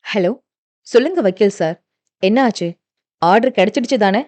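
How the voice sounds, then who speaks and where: A woman voicing a young man who comforts a friend and handles a phone call in a quick, brisk way. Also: medium pitch, lively intonation, darkish tone, natural voice. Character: brisk young man Aarav, brotherly and businesslike.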